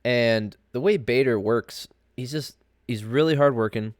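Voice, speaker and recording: A man's voice: mid-range voice, a little slow, no echo, clean studio sound. A man who sounds congested with a cold, hosting a podcast with casual, rambling solo sports commentary. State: under the weather, congested with a cold. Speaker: podcast host.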